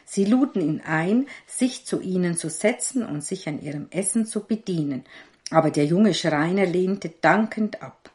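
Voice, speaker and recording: A woman narrating a fairy tale in a slow, measured storytelling manner. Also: fairly low pitch, animated, a little mellow.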